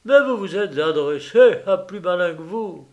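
A man voicing an older, furious, blustering millionaire who shouts threats and insults in a storybook reading. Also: high voice, animated, a little slow, pitched above the performer's own voice.

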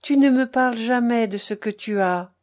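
A woman reading the part of a hurt, anxious young wife in an audiobook, hushed and pained. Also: fairly high pitch, moderate pace, lightly acted.

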